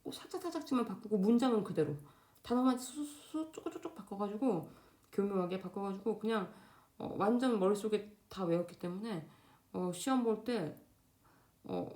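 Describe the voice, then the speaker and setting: A young woman talking casually to camera at home, quick and loose with many fillers and restarts. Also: medium pitch, dark tone. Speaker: Korean doctor in Germany giving exam advice. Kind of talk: casual unscripted vlog talk. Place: home, indoors. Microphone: camera facing speaker.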